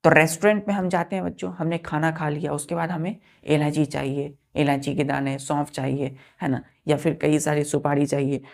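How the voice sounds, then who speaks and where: A woman teaching English vocabulary to exam students. She explains each word slowly and twice, and keeps asking the students questions. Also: low voice, steady tone, gravelly. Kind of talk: classroom lesson for exam students.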